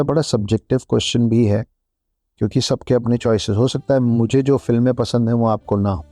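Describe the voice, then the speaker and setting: A man being interviewed as an author, giving earnest, measured advice in reflective talk. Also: mid-range voice, vocal fry, warm tone, dry recording. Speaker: author guest. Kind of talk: reflective interview talk, mixing Hindi and English.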